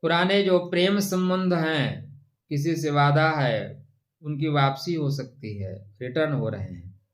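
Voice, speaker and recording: Slow-speaking Hindi astrologer man. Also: a little high. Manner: measured, advising, addresses listeners as friend. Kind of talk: horoscope talk to camera.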